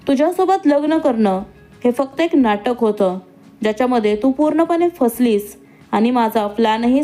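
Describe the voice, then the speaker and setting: A woman's voice: high-pitched, darkish tone. A woman voicing a young man who protects his family and talks in an earnest, pleading way.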